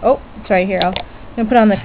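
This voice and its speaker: A woman presents a DIY electronics hobby demo, unscripted and casual, her mid-range voice racing along. She's chatty and hesitant, often correcting herself as she goes. The audio is tinny, lo-fi webcam-era sound with background noise.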